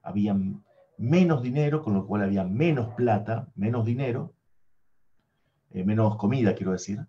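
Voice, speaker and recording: A man telling a fairy tale aloud, animated, with sound effects and little tag questions. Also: fairly low pitch, moderate pace. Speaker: storyteller. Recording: dull lo-fi recording.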